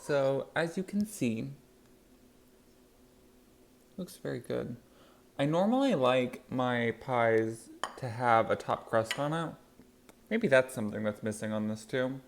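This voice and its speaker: Male eating-show host, average pitch, loose rambling chat delivered between and through bites, chewing while talking. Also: slow pace, pauses often, a little hiss or hum. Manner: rambling, loosely strung thoughts. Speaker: mukbang host.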